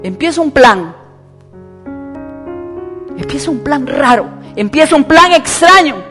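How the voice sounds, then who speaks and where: A woman's voice: high-pitched, animated, measured pace, fairly bright tone. A woman preacher, delivering an emphatic sermon and repeating key words for stress. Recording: echoey church hall with faint music.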